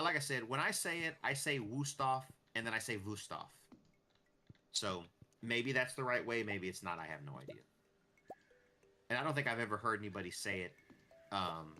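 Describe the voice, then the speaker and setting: A man's voice: on the low side, animated, fairly quick, bright, forceful tone. A man giving casual gameplay commentary, thinking aloud and restarting his sentences as he rambles. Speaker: gameplay streamer. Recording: clear music behind the voice.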